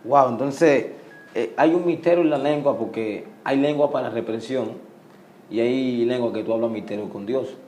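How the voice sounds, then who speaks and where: A man's voice: medium pitch, moderate pace, dark tone, echoey room, slight background noise. A man hosting a religious interview who often breaks in with amazed exclamations. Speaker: interview host.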